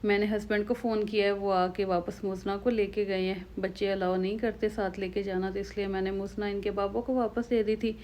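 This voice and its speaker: A young Pakistani woman with a Pakistani Urdu accent and a slightly hoarse throat, chatting to viewers in a casual travel vlog. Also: mid-range voice, level tone, fairly quick, hardly any pauses, a little mellow. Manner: chatty, conversational, addresses viewers directly. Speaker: vlogger.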